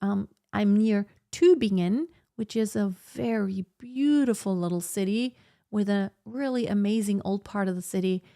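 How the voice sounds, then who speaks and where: A vocal coach in her thirties hosts a casual live-stream Q&A from her home in southern Germany, reading out viewer comments. Her voice is mid-range and dark-toned at a moderate pace, and she rambles loosely with plenty of fillers and restarts.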